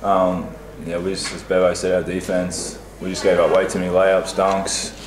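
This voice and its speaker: A man's voice: low voice, completely flat delivery, normal speed. A young man, a basketball player answering press questions in a plain, matter-of-fact way. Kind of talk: post-match press conference. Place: small press room before a sponsor backdrop. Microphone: table mic on a stand. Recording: echoey room with faint hiss.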